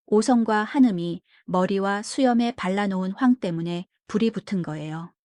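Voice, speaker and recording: A woman tells old folktales as a bedtime story, her tone warm and mellow. She speaks gently and without hurry, in a soothing way. The recording is dry and close, with no room sound. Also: mid-range voice, dry recording. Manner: gentle, soothing, unhurried telling.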